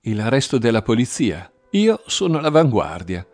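A man's voice: mid-range voice, big pitch swings, normal speed. A man voicing a tough, commanding male police commissioner who snaps out clipped orders. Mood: dry, accusing. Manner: barking orders, clipped and forceful.

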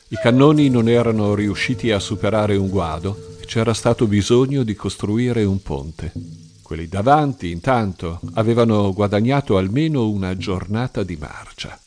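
A man reading a dramatic audiobook in an expressive, tense storytelling manner. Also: fairly low pitch, moderate pace. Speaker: narrator. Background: music.

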